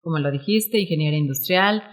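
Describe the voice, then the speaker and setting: A woman in her forties with a Mexican Spanish accent, a guest telling her story in an interview, animated and acting out quoted dialogue. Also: deep voice, quick pace. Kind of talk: emotional personal storytelling interview.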